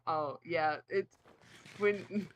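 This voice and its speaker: A woman's voice: on the low side, very slow, rough recording. A woman chatting casually with friends during a game, laughing often. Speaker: game player. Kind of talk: casual gaming chat.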